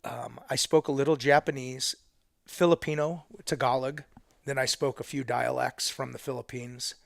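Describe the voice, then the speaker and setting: A man's voice: medium pitch, steady tone, normal speed, vocal fry, no room sound, clean studio sound. A man in his thirties, a podcast guest on a headset mic in a living room, telling stories casually, swearing freely and dropping to a whisper for punchlines. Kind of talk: casual conversation. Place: living room, seated on a couch.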